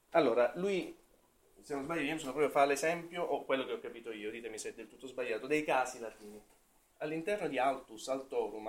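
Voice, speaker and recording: Italian man presenting at a seminar, mid-pitched, thinks aloud with pauses and restarts. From Italy. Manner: thinking aloud, hesitant with fillers and self-corrections. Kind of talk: academic talk on linguistics.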